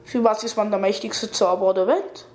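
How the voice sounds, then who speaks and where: A woman voicing an ancient, powerful male wizard with a croaky voice, in an echoey room. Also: mid-range voice, steady tone, a little fast, a little mellow, natural voice. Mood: stern.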